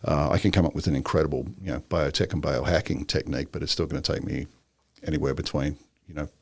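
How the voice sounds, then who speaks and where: A man's voice: extremely low pitch, steady tone, fast, creaky, no room sound. A male entrepreneur as an interview guest, talking casually in a rambling, joking way full of fillers.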